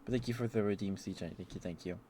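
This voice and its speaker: A man hosts an ASMR livestream, chatting in a rambling, casual way and often chuckling to himself. His fairly low voice moves fast, and there's heavy background noise.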